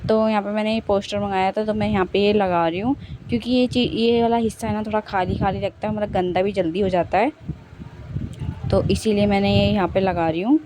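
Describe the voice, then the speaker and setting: A woman's voice: medium pitch, fairly even intonation, a little fast. Chatty woman vlogger over background noise. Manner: chatty and homely, with many fillers and self-corrections. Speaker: home vlogger. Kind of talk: casual voice-over narration of a kitchen cleanup.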